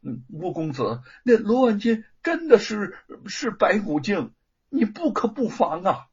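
A man's voice: sits high, very animated, husky, voice pushed up, full character voice. A man voicing a humble, reformed former thief who talks nervously and stumbles over fillers, in a storybook reading. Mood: eager, anxious. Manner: nervous, hurried, full of hesitant fillers. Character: humble reformed male ex-thief, grateful and anxious. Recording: dull lo-fi recording.

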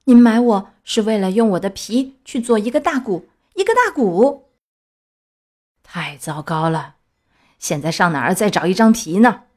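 A woman voicing a gruff, suspicious middle-aged man who bought a donkey, speaking low and scolding. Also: animated, normal speed, a little mellow, close to an everyday voice. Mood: lamenting.

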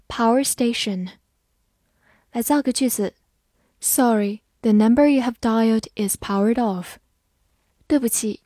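A woman teaching an English vocabulary lesson, spelling words out and reading example sentences slowly and carefully. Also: a little high, darkish tone, dry recording, studio quality.

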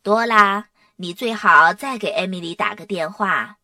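A woman's voice: medium pitch, unhurried, bright, forceful tone, no echo. A woman reading as a firm storybook mother. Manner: firm, scolding. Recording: distant mic, dry sound.

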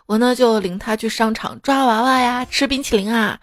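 A woman's voice: on the high side, moderate pace, no echo. Playful female storyteller, chatty and amused, dry close sound. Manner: chatty, playful, laughs at her own jokes. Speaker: mother telling funny parenting stories. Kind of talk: comic storytelling monologue.

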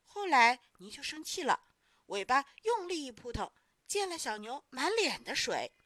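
A woman narrating a bedtime story to children in a warm, animated, coaxing way. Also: high voice, normal speed, no room sound, studio quality.

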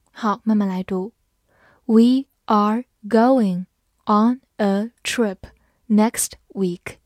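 Slow, dry-voiced woman teaching vocabulary. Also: on the high side, darkish tone, no echo. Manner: slow, deliberate, spells words letter by letter. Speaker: English teacher. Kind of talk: vocabulary lesson.

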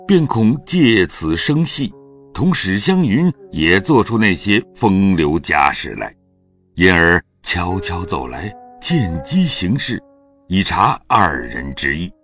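A man narrating a classic novel as an audio drama, in a slow, expressive, dramatic reading. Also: low voice, soft background music.

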